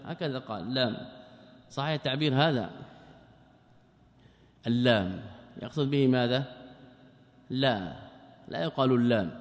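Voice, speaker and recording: A man's voice: medium pitch, big-room sound. A male religious teacher giving a lecture on a theology text, explaining by asking his own questions and answering them.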